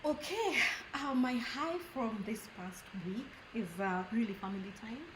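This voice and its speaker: Brief: woman pastor, show host, fairly high voice, earnest and hesitant, faint background hum. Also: animated, measured pace. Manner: earnest, thankful, hesitant with fillers. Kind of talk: casual chat. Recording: echoey room.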